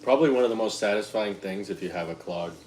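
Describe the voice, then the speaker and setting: Low-voiced man, casual cooking-stream co-host, chatty and laughing, roomy kitchen sound. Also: fast talker, darkish tone. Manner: chatty, laughing, tells stories animatedly. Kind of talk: casual chat while cooking and eating. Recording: echoey room with faint noise.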